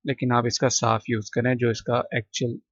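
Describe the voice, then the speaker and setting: A man explains English vocabulary, repeating words to fix their pronunciation. His voice sits at an ordinary middle pitch. The recording is dry and a little dull, with no room sound. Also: little pitch movement, brisk, dry recording. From Pakistan. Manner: says "ठीक है" between points. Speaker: English teacher. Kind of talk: textbook vocabulary lesson.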